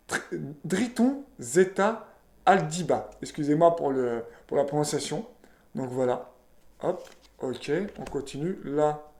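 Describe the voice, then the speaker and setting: A man's voice: a little high, gravelly, a little mellow. A man chatting casually as he opens trading card packs, reading card names aloud with lots of "voilà" and "ok". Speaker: card-opening video host. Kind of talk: casual unboxing commentary. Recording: roomy echoey room.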